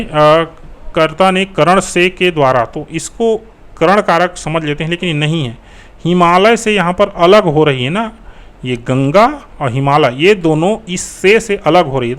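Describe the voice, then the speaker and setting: Slightly high-voiced male teacher. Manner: conversational, thinking aloud. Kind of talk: explaining exam answers.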